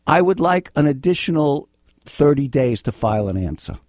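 An American man with a fairly high, highly animated voice hosts a call-in radio show. He is blunt and exasperated, drilling his advice home by repetition. The sound is dry and close. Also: normal speed, no echo. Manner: blunt, exasperated, scolding, repeats himself. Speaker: radio host and lawyer giving call-in legal advice. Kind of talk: live talk radio advice. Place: radio studio.

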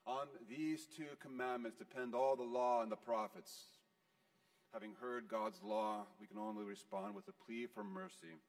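A man leads a church service as its priest. His voice sits in a middle register and he declaims prayers and readings formally. The phrasing is solemn and measured. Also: medium pitch.

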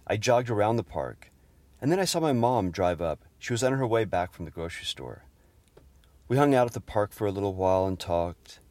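A middle-aged man fondly narrating humorous family memories in a gentle storytelling manner. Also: on the low side, dry recording. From Houston, Texas area. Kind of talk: personal memoir narration.

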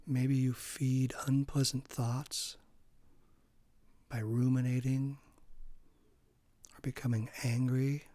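A man leading a guided meditation in a calm, gentle way, his phrases often trailing off into a soft breathy hush. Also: medium pitch, takes it slowly, long pauses, dry recording.

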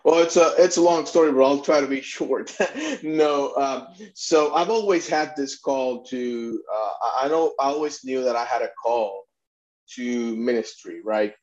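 A middle-aged man from Puerto Rico talks earnestly as an interview guest, circling back and restarting his sentences as he tells his story. His voice sits at an average pitch. The recording sounds slightly dull and lo-fi. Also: a little slow, darkish tone. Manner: earnest, many restarts and fillers. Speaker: immigration attorney and advocate, guest. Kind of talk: conversational interview.

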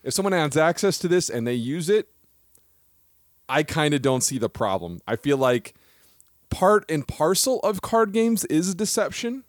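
A man co-hosting a podcast in casual chat, animated and quick to laugh at himself. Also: fairly high pitch, no echo, clean studio sound. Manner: animated, laughs often, self-deprecating. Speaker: podcast co-host.

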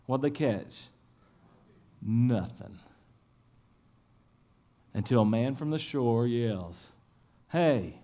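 A pastor giving an Easter sermon, retelling scripture scenes in lively, casual storytelling and speaking straight to the congregation. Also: male voice, medium pitch, slow pace, pauses often.

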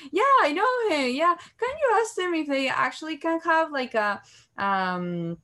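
A woman voicing her eager, talkative middle-aged father in a high, excited voice. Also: a little slow, heavily acted.

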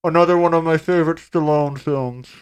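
A man from Canada, a podcast guest with a stiff, deadpan delivery, sounding echoey as if talking from inside a tunnel. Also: a little high, fairly quick, smooth. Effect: echoing, as if talking in a tunnel. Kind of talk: comedic podcast banter.

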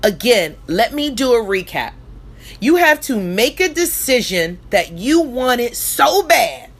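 A woman's voice: a little high, very animated, a little slow, breathy edge. A woman coach giving an emphatic, exhorting motivational speech with repeated refrains. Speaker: motivational coach and show host.

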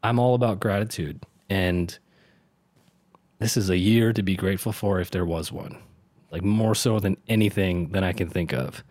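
A man's voice: deep voice, steady tone, normal speed, darkish tone, no room sound. A man in his late twenties talking through his year in a reflective, rambling monologue, earnest and often laughing. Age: 20s. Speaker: vlogger. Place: home in a city.

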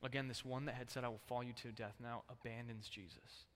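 A man's voice: mid-range voice, fast. Conversational preaching man in a reverberant hall. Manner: casual, conversational preaching with lively acted-out quotes. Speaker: pastor. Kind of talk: sermon.

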